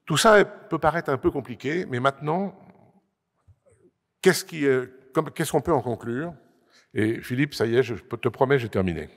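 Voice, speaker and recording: A man's voice: mid-range voice, animated, moderate pace. A man giving an explanatory talk at a conference panel, emphatic, with frequent hesitations and restarts. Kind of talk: lecture-style talk to an audience. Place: assembly hall. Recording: long reverb of a large hall.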